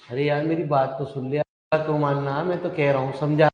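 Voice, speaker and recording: Chatty Hindi math teacher, echoey hall. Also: male voice, on the high side, flat delivery, fairly quick. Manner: chatty, calls students "dear children", mixes English terms. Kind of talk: classroom lecture. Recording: echoey, dull classroom recording.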